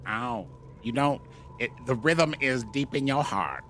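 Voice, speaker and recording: Man as a theatrical, animated funk star. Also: medium pitch, measured pace, a little hiss or hum. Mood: philosophical. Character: suave funk musician damned to hell. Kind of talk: improvised comedy podcast role-play.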